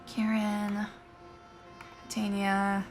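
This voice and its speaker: A woman's voice: medium pitch, completely flat delivery, drawn-out words, faint music behind. A woman streamer giving casual, joking gameplay commentary and laughing often.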